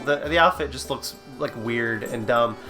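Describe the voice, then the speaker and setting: A man's voice: mid-range voice, normal speed, sharp tone, soft background music. A man hosting a let's play, chatting casually as he comments on the game.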